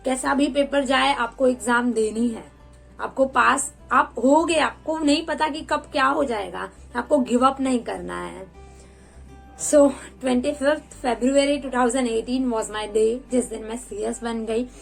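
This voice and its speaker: A woman's voice: on the high side, unhurried, gravelly, faint music behind, poor audio. A woman in her twenties telling a personal story in a candid, chatty way, with English words mixed into her talk. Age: 20s. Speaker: vlogger.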